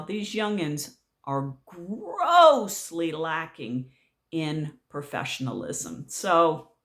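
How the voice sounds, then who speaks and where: A middle-aged woman telling a story straight to her channel in a loose, ranting way. She sounds exasperated and sarcastic, with animated swings in her delivery. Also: low voice. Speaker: vlogger. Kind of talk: casual storytelling rant.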